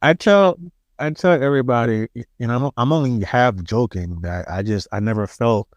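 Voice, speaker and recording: Heard with no room sound and somewhat dull audio, a medium-pitched man with a New York accent co-hosts a casual podcast chat. He's from Queens, speaks quietly and falteringly, and keeps restarting his sentences, sounding self-deprecating.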